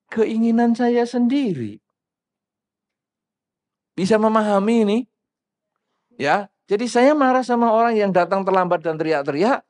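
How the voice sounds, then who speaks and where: Lively preaching man, lilt. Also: sits high. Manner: conversational, asks the audience questions, acts out quoted speakers. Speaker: Buddhist Dhamma teacher. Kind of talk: sermon.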